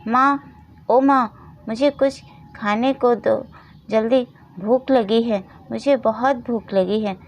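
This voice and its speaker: A spoiled, greedy boy shouts his demands in a rough, raised voice, as a woman reading a storybook puts him on. He sounds pushy and loud. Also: on the high side, steady tone, takes it slowly. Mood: demanding. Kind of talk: storybook narration with voiced roles.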